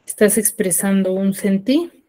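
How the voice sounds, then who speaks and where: A woman teacher giving an online class, explaining step by step and often checking with quick tag questions. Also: medium pitch, background noise. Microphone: video call.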